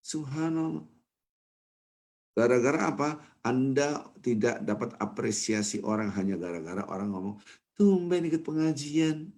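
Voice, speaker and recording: A man giving a morning mosque sermon as a preacher, lively and acting out little everyday scenes with mimicked voices. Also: medium pitch, moderate pace, pauses often. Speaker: ustadz, preacher.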